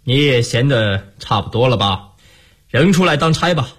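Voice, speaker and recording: An actor playing a commanding, wry emperor in a radio drama, speaking in a measured, imperial way. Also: male voice, medium pitch, animated, a bit bright, breathy edge.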